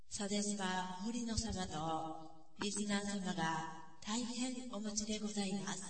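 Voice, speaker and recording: A woman's voice: mid-range voice, close to an everyday voice. A woman playing a polite department store announcer, paging in a formal, courteous, scripted manner. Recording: roomy echo, distant from mic.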